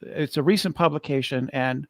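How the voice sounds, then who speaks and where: A man's voice: medium pitch, normal speed, creaky, fairly bright tone, no echo. A man in a casual online panel chat who had taken part in a debate, jumping in eagerly.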